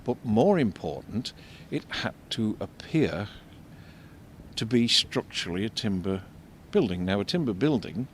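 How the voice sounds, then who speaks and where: An older man giving unscripted commentary as an architect and local guide, discursive and explanatory, halting and repeating words. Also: big pitch swings. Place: outdoors in a shopping street. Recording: vehicle rumble, street noise. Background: faint street traffic rumble.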